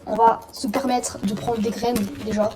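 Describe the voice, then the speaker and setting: Excitable woman gamer, roomy distant sound. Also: a little high, normal speed. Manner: excitable, rambling, swears when panicking. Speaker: gaming video host. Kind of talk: let's play commentary. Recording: roomy, distant mic, noisy background.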